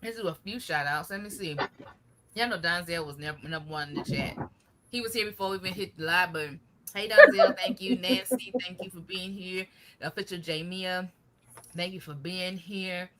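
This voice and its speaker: A woman's voice: fairly low pitch, normal speed, background noise. Chatty woman greeting a live chat. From Michigan. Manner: chatty, warm greetings with Southern-style "y'all". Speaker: co-host of a live gardening chat. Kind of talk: casual live-stream chat.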